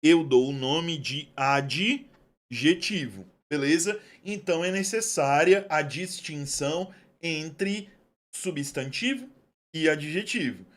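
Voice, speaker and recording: A man's voice: on the high side, expressive, fairly bright tone. Chatty male teacher. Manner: chatty and affectionate, drawn-out stresses on key terms. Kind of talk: online exam-prep lesson.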